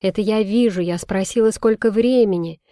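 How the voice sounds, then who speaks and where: A woman's voice: medium pitch, normal speed, no room sound, clean studio sound, close to an everyday voice. A woman reading a storybook aloud and voicing a feisty, bossy young girl who snaps out orders. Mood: commanding. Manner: sharp and commanding.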